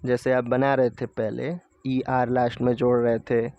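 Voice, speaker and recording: A man's voice: mid-range voice, completely flat delivery, moderate pace, darkish tone, no room sound, lo-fi sound. A man teaching a grammar lesson, patiently repeating and checking each point as he explains.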